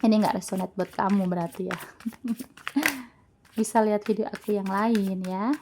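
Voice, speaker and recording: A woman's voice: mid-range voice, moderate pace, background noise. A woman giving a casual tarot reading to her viewers in a chatty, teasing way, laughing often. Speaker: tarot reader.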